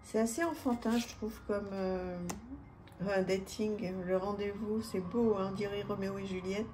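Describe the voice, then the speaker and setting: A woman's voice: mid-range voice, fairly even intonation, normal speed, background noise. A woman casually showing an oracle card deck, chatty with many hesitations. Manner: chatty, warm-hearted, many fillers. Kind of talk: casual product presentation.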